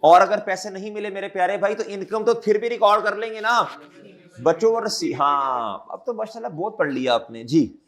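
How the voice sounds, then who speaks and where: A man's voice: sits high, normal speed, a bit bright. A man with a sore throat, giving a classroom accounting lecture and repeating his questions back to the students.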